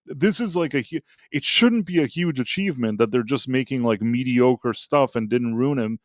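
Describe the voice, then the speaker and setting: A man in a casual pop culture chat, talking bluntly and rambling through his opinions with lots of restarts. His voice sits at an ordinary middle pitch. It is recorded close and dry, with no room sound. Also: moderate pace, no room sound. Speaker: podcast co-host.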